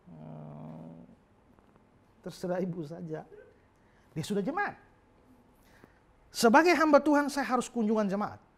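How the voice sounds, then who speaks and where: A man's voice: high-pitched, a little slow, vocal fry, pauses often. A male pastor preaching a sermon in a humorous storytelling manner.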